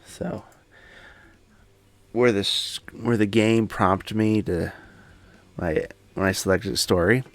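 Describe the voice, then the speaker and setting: A man's voice: lowish voice, slow pace, long pauses, no echo. A man streaming a game from his home office, chatting casually and self-deprecatingly with many restarts. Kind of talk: casual gameplay commentary.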